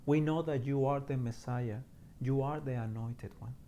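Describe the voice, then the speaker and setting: A man's voice: medium pitch, fairly even intonation, normal speed, dark tone, slight background noise. A priest from Mexico, speaking a short homily in an earnest way, often repeating words as he searches for them.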